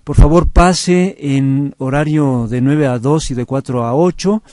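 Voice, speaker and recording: A man with a Mexican accent hosting a radio show, reading announcements slowly and carefully. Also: on the high side, a little mellow, no echo, studio quality. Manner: measured, repeats details slowly. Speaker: host.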